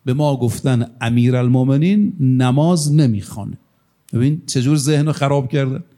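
A male cleric giving a sermon, telling stories with emphatic rises in pitch on his key points. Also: mellow. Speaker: cleric preacher.

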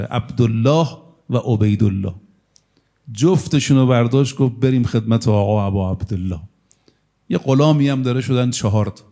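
A man's voice: medium pitch, a little mellow. A man preaching a sermon, telling old stories with dramatic rises in intensity and quoting lines as he goes. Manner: dramatic storytelling, voices quotes with rising intensity. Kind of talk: sermon storytelling.

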